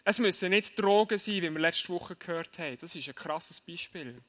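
A man preaching to young people, telling a lively story and asking his listeners direct questions. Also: high-pitched, moderate pace.

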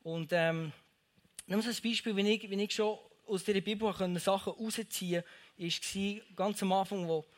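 A man's voice: sits high, steady tone, moderate pace. A young man gives a casual devotional talk, speaking straight to the listener and repeating his phrases for emphasis.

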